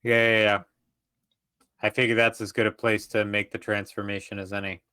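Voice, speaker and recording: A man takes part in a tabletop game as an eager, chatty player. His voice is fairly low but bright and forceful. The recording is dry and close. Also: level tone, brisk, clear, resonant tone, dry recording. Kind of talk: casual tabletop play.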